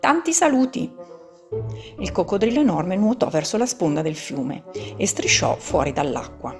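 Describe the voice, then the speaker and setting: A woman reading a children's story aloud, expressive and lively, as a podcast host. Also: low-pitched. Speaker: children's book reader. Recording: soft background music.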